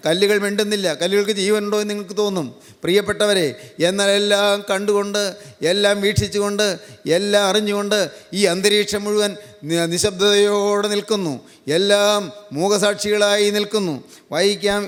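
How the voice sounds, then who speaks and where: A man's voice: sits high, fairly bright tone. A man from Kerala preaching a sermon, repeating phrases in lists and asking rhetorical questions. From Kerala, India. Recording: long hall reverb.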